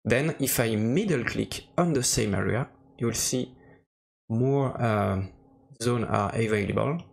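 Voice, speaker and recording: A man with a slow, gravelly, mid-range voice narrates a casual screen-recorded tutorial, demonstrating software as voice-over. He sounds hesitant, often searching for words.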